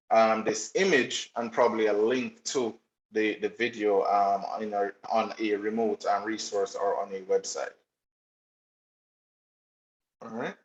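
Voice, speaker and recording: A man delivers a technical presentation in a steady, explanatory way, scattering ums through his sentences. The recording is roomy and a little dull, as if captured on a computer mic in an echoey room. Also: fairly low pitch.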